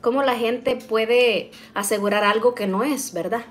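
A woman's voice: fairly high pitch, unhurried. A middle-aged woman, chatting casually with viewers while cooking in her home kitchen, often tagging her sentences with "¿verdad?". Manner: chatty, addresses viewers as "niñas", frequent "¿verdad?" tags. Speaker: vlogger.

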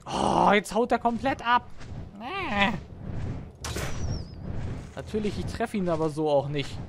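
A man's voice: sits high, big pitch swings, slow pace, vocal fry, noisy background. A man giving gameplay commentary, exasperated, swearing at the game and calling to the creatures on screen. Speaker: let's play gamer. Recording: game music loud behind voice. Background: game music.

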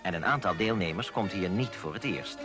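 Low male documentary narrator, measured and formal, loud music behind. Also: lively intonation. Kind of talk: scripted voice-over narration.

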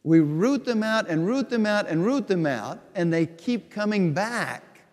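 A middle-aged bishop preaches a homily, his voice a little high and his delivery unhurried. He builds his points through repetition, and the words ring out with a long reverb from a large church. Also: lively intonation, darkish tone. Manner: slow, deliberate, conversational preaching with repeated phrases. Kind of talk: homily at Mass. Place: large church sanctuary before the altar.

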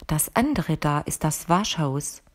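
A woman reader voicing a composed, mysterious woman who speaks calmly and firmly to her guest in an audiobook. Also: low-pitched, unhurried. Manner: calm, firm and matter-of-fact. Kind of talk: audiobook character reading.

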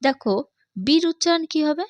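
Bangladeshi woman, patient teacher of young kids, higher voice, dry close recording. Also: animated, normal speed, darkish tone, no echo, lo-fi sound. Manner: patient, repeats each point and asks the class questions. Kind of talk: explaining an English reading lesson to young children.

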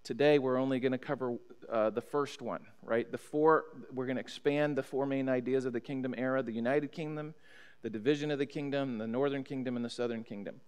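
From the pulpit in the sanctuary, a middle-aged American pastor leads a Bible study lesson, reading passages aloud and checking that his listeners follow, like a teacher. His mid-range voice is steady, clear, resonant, and darkish, moving fairly quickly; a pulpit stand mic and far camera record it amid long hall reverb.

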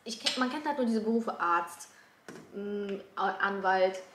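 A woman's voice: medium pitch, a little slow, a bit bright. A woman, chatting casually and explaining things in a loose, slangy, searching way. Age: 20s. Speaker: YouTuber guest. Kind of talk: casual chat. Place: small room at a dining table. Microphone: camera a few feet away. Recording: echoey room, camera at a distance.

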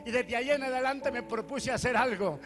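A man preaching a testimony sermon, animated and storytelling, swinging from loud declarations to hushed prayers. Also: extremely high pitch, fairly quick, big-room sound, music in the background.

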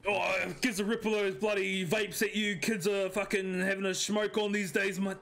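A man's voice: sits high, flat delivery, normal speed, vocal fry, a bit bright. A man with a New Zealand accent playing a crude, grumpy older bloke who is hard of hearing, drawling and swearing, calling everyone mate. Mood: cranky banter. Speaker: streamer in roleplay. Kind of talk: improvised roleplay in voice chat.

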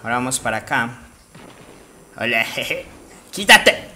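A man with a Mexican Spanish accent giving live gameplay commentary as a streamer, jokey and profane, with sudden excited outbursts. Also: medium pitch, a little slow, soft background music. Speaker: gaming streamer.

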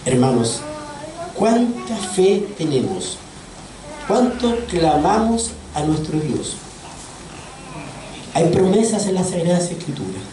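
A man with a high, expressive voice preaches a sermon in a church sanctuary, speaking slowly and pausing often as he earnestly poses questions to his congregation. The audio is echoey and distant, with faint noise.

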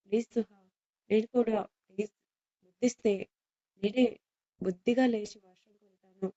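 A woman's voice: a little high, steady tone, normal speed, warm tone, lightly acted. A woman voicing a playful, tender young newlywed husband, coaxing and pleading in a storybook reading, on dull lo-fi audio.

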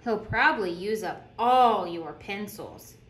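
A female teacher reads a picture book aloud to young children in a medium-pitched voice with very animated intonation. She tells the story deliberately and asks the kids questions, and the room recording carries a roomy echo and clear background noise.

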